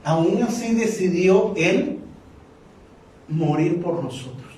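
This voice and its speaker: A man preaching with a fairly high voice, passionate and dramatic, acting out the people in his story. He sounds far from the mic, and his words ring in a very echoey church hall. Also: lively intonation, takes it slowly, a little mellow, slight background noise. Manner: impassioned preaching, acting out quoted dialogue. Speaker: pastor. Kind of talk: sermon.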